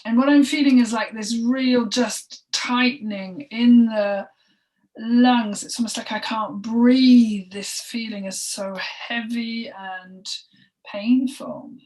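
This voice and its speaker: Woman leading a halting healing session. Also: fairly high pitch, steady tone. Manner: halting and emotional, with sighs and soft breathy asides. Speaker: healing session practitioner and co-host. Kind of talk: spoken energy healing session. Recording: voice distant from the mic.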